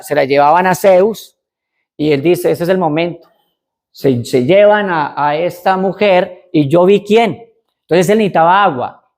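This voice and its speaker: A middle-aged man tells an ancient myth as part of a talk. His voice sits a little high, and he speaks loosely, with restarts and side remarks to the listeners. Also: a little mellow. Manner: retells a myth casually with asides and restarts. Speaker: speaker on mental health and leadership. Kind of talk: storytelling lecture.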